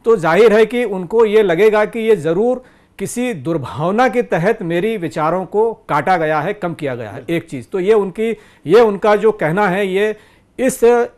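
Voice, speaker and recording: This man is the host of a studio news discussion, with a voice that is plainly high for a man. He listens attentively and sums up what his guest has said before he moves on to his next question. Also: a little mellow.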